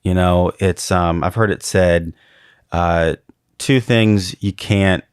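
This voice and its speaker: Low-voiced male pastor, dry and close, easygoing and affirming. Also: steady tone, takes it slowly, smooth, no echo. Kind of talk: casual conversation.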